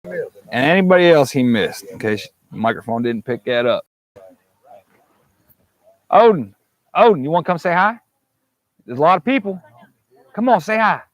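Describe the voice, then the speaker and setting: At a campsite, a man hosts a casual live stream, rambling and joking with viewers through a clip-on mic with a fuzzy windscreen. His voice is a little high and animated, at a moderate pace with frequent pauses. The recording is dry and rough.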